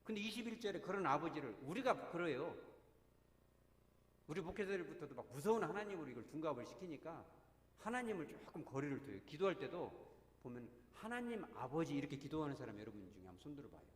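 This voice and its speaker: A man's voice: a little high, lively intonation, quick pace. A man preaching a sermon as pastor, talking emphatically and drawing his congregation in with frequent rhetorical questions. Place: church sanctuary. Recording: echoey church hall with long reverb.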